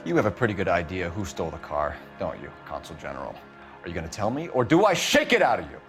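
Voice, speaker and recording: A man's voice: low voice, very animated, fast talker, music in the background. A man with an American accent playing a tough cop, a blunt, intimidating detective in a crime drama video game. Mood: menacing. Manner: tough cop, clipped and threatening.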